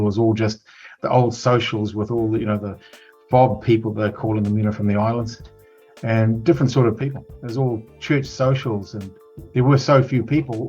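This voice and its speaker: A man's voice: medium pitch, a little mellow. A man in his sixties with a New Zealand accent, reminiscing in a rambling, matter-of-fact way as an interview guest. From South Auckland, New Zealand. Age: 60s. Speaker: guest, lawyer and community advocate. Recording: muffled, dull sound with music behind.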